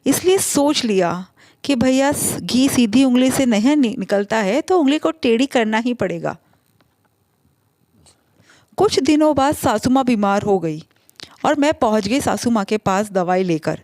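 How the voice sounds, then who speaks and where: A woman narrates a family story in the first person, talking conversationally and stumbling now and then. Her voice sits fairly high, and the recording is close and dry. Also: animated, unhurried, a little mellow, no room sound. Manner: conversational, with small slips.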